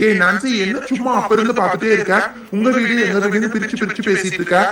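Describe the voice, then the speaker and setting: A cheeky little cartoon boy, played by a man, who boasts and picks quarrels with his playmates in a high, bright voice. The sound is very echoey and set back from the mic, with a crowd murmuring behind. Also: quick pace, recorded from a distance, natural voice. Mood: boastful. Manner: bold, teasing, argumentative. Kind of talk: cartoon dubbing.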